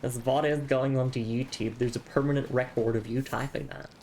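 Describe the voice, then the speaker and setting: A woman's voice: a bass voice, fairly even intonation, a little fast, vocal fry, a little mellow. Woman gamer streaming while sick, casual and giggly, reading chat aloud, faint background hiss. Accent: non-standard English accent. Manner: chatty, giggly, reads chat and in-game messages aloud. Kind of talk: casual live gameplay chat.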